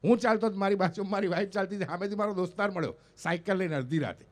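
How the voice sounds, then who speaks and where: A man's voice: sits high, racing. A man in his fifties from North Gujarat, with a North Gujarati accent, telling comic stories on stage and acting out the people in them. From North Gujarat, India. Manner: animated, acts out the dialogue of people in his stories. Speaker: stand-up comedian and mimicry artist. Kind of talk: live comic storytelling on stage. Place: event stage before an audience.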